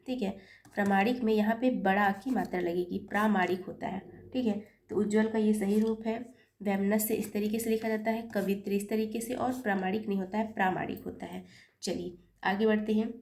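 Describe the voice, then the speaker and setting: A woman's voice: mid-range voice, fairly even intonation, a little fast, a little mellow. A woman teaching an exam-prep lesson, patiently spelling out corrections step by step and correcting her own slips as she goes. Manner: self-correcting, apologizes for slips. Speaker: Hindi teacher.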